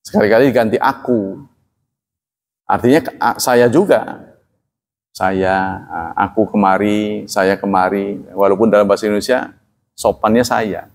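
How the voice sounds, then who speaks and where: A man's voice: on the low side, normal speed, long pauses. A man preaching a religious lecture to a congregation, speaking plainly and evenly, often asking listeners to agree. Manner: plain, even delivery, calls himself flat-spoken. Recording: long reverb in a hall.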